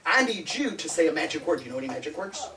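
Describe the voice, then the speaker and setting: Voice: mid-range voice, sing-song, very fast, recorded from a distance. A party magician doing playful, teasing patter for children, often laughing between lines. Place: birthday party, indoors. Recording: roomy home video from afar. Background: loud chattering crowd and noise.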